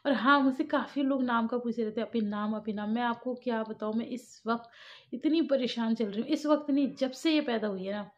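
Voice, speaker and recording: A woman's voice: fairly high pitch, fairly quick, lo-fi sound. A young woman chatting casually in a home family vlog, talking about daily life and scolding her children firmly at times. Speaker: family vlogger.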